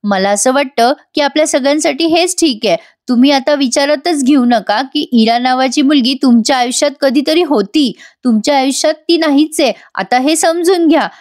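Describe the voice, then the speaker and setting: A woman's voice: high voice, normal speed, few pauses, a little mellow, no room sound, clean studio sound, voice pushed up, lightly acted. A woman voicing a hurt young woman pleading with her father in a retold TV drama. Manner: pleading, heartfelt.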